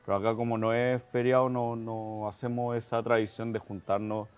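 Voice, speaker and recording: Young chilean guy chatting on a studio set, laughs a lot, quick little asides, lapel mic. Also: medium pitch, level tone, smooth. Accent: Chilean Spanish. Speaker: guest. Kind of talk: casual chat.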